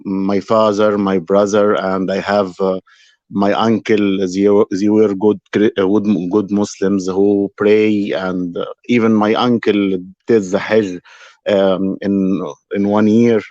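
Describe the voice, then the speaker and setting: A man from Egypt with an Egyptian Arabic accent, a guest speaking haltingly with many pauses and fillers. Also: fairly low pitch, level tone, a little mellow, no room sound. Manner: halting, full of fillers and restarts. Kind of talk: casual live-stream conversation. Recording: dry, dull call audio.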